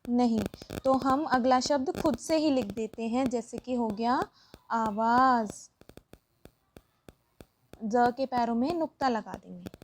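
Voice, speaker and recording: A woman with a high voice walks children through a worksheet lesson. She explains patiently and step by step, pausing on each example. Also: a little mellow, a little hiss or hum. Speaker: teacher.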